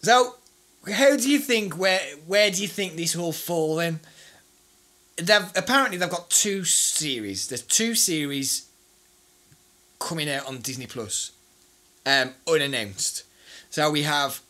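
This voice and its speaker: A man co-hosting a casual pop-culture podcast, excitable, laughing often and talking in quick bursts. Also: a little high. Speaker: podcast co-host. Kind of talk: casual chat.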